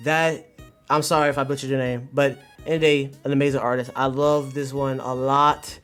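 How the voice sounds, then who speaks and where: With music behind him, a male livestream host reviews manga, firing exclamatory, slangy remarks at his live chat and repeating phrases in bursts. His medium-pitched voice is smooth and fairly bright, with a flat delivery at a fairly quick pace.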